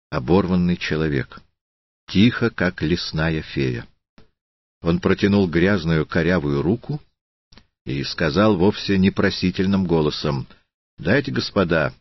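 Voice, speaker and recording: A man reading a literary audiobook in a slow, deliberate, solemn manner. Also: low voice, no room sound, lo-fi sound. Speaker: audiobook narrator.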